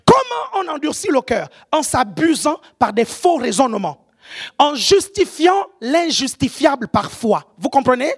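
A woman preacher with an African French accent, delivering an animated sermon, often shouting and keeping the congregation with her. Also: sits high, measured pace.

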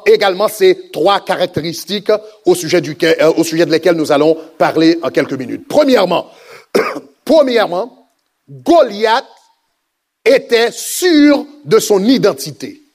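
A male preacher giving an emphatic sermon, repeating words and pausing with frequent hesitations. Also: high-pitched.

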